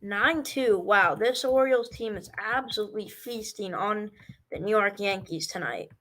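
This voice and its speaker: A man's voice: high voice, normal speed, pushed and bright. A man doing amateur baseball play-by-play commentary, rambling and stumbling over player names.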